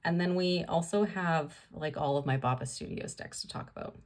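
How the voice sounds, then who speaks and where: A woman's voice: low-pitched, normal speed, darkish tone. A woman hosting a casual vlog, tired and rambling with many fillers and restarts. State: tired and yawning. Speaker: vlog host. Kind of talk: casual chat about her tarot deck collection.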